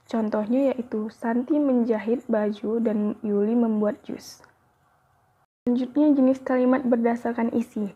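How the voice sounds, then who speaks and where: A young university student with a high-ish, breathy-edged voice reads a grammar lesson aloud. She goes carefully and at an even pace, making small slips, and the audio is tinny, like a phone.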